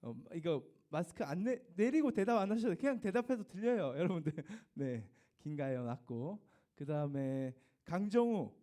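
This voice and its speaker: A man's voice: sits high, lively intonation, normal speed, mellow. A man teaching a youth group, leading a church service over a video call with a playful, teasing manner and frequent laughter.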